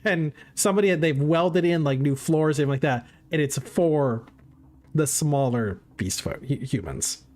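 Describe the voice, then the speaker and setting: A game master improvising descriptive tabletop narration in a halting, conversational way. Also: medium pitch, darkish tone.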